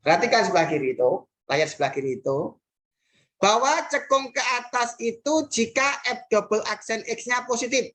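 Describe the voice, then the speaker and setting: A woman with an Indonesian accent teaches math in a recorded class, patiently working problems, repeating key phrases, and frequently using "nah" and "hmm." She speaks at normal speed in a slightly high, expressive, somewhat bright voice with a breathy edge.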